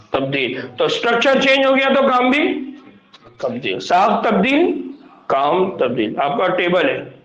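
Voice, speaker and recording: High-voiced male teacher quizzing his class. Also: fairly bright tone. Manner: quizzes the class with constant questions. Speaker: biology teacher. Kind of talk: classroom lecture. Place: classroom with students. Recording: echoey, dull classroom recording.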